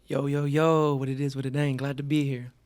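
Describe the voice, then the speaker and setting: A hip-hop artist from the Los Angeles area in the United States tells his own story as a podcast guest, informal and slangy. His medium-pitched voice moves little in pitch, with a brisk pace and a darkish yet clean tone.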